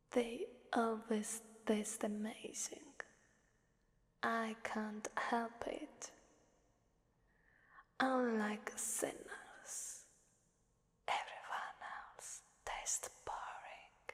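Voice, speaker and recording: Woman as whispering, slow, sinister demon Krampus. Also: on the high side, a little mellow. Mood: hungry, seductive. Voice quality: breathy, mostly whispered. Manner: slow, teasing, menacing, drawn-out phrasing. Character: sinister female Krampus demon who hungers for sinful humans. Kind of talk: ASMR roleplay monologue. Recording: long hellish reverb.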